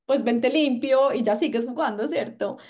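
A woman hosting a conversational interview, telling stories in an emotional, expressive way. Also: high voice, normal speed. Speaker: host.

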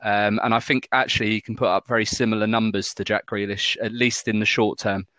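A man's voice: fairly low pitch, little pitch movement, a little fast, pushed and bright, no echo. A man with a Maltese accent chatting casually as a panellist on a football podcast. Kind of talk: casual fantasy football chat.

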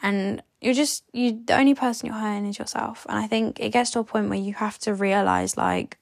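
A woman's voice: mid-range voice, steady tone, brisk, vocal fry, no room sound, clean studio sound. A young woman hosting a podcast, giving blunt, sleepy, chatty breakup advice with lots of "like" and some swearing. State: sleepy, yawning. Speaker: podcast host. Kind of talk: casual advice monologue.

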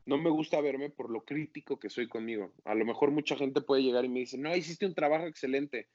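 A man's voice: mid-range voice, fairly quick, a little mellow, no room sound, highs cut off. A man, an actor being interviewed, talking casually and acting out his own self-critical inner voice.

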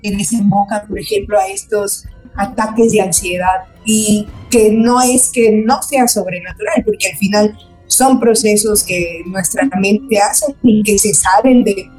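A woman's voice: medium pitch, animated, measured pace, a little mellow, soft background music, rough recording. A woman host in casual conversation, attentive, answering with short affirmations and explanations.

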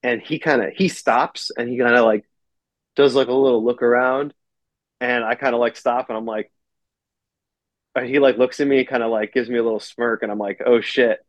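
A man's voice: mid-range voice, steady tone, moderate pace, long pauses, dry recording. A man who is a pro wrestler and company owner, a guest on a casual podcast, talking in a rambling, profane way and using "like" constantly. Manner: rambling and profane, heavy on filler "like". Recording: dry, slightly muffled recording.

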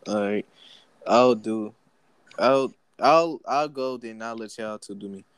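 A man's voice: lowish voice, slow pace, clean tone, no echo. A young man hosting a casual group chat, joking around, swearing freely and bossing the questions along. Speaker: segment host asking questions.

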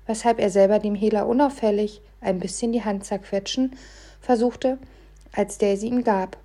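A woman narrating an audiobook in the first person, expressive, dropping to a hush and rising again with the scene. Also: medium pitch. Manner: expressive, shifts between hushed and loud for the scene. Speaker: audiobook reader.

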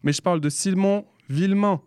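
A man hosting a student radio show, relaxed and teasing. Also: high-pitched, a little fast, clean tone, dry recording, studio quality. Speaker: radio host.

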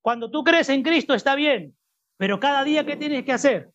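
A man's voice: very high voice, moderate pace, fairly bright tone, muffled recording. A man preaching a sermon to a congregation, emphatic and full of rhetorical questions. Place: church service before a congregation.

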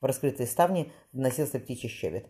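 Deep-voiced woman reading a novel. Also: lively intonation, fast talker, warm tone, breathy edge. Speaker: audiobook reader. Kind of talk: scripted narration of a historical novel.

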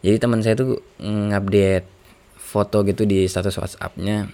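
A man's voice: lowish voice, little pitch movement, unhurried, dark tone. A nineteen-year-old man talking in a rambling, casual monologue, with many fillers. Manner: rambling, many fillers like gitu, sighs ya Allah.

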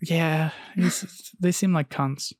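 A man's voice: on the high side, steady tone, slow, no room sound, clean studio sound. A man hosting a casual podcast, telling a story with frequent "uh"s and restarts and reading long quotes aloud. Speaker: podcast host.

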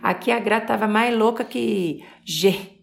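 A woman's voice: on the high side, unhurried, creaky. A Brazilian woman in her forties hosting a motivational podcast, talking expressively and stretching key words for emphasis. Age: 40s. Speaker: podcast host.

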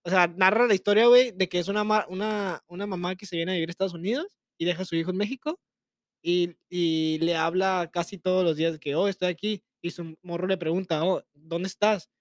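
Young mexican guy on a podcast, talks real fast and kinda high, teasing, dry close sound. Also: dry recording. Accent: Mexican Spanish. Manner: teasing, slangy, laughs often. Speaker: podcast co-host. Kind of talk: casual chat.

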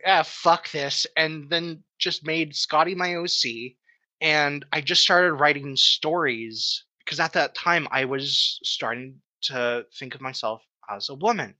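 Woman, 30s, podcast co-host and writer; unhurried, bright tone, casual and profane storyteller. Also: low-pitched, rough recording. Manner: loose, profane storytelling with many fillers.

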